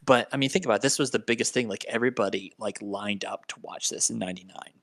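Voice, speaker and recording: Young guy rambling on a podcast, kinda low and gravelly, lots of ums. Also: quick pace, a bit bright, no room sound. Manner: rambling, filler-heavy, restarts. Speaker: podcast co-host. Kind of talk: casual podcast chat.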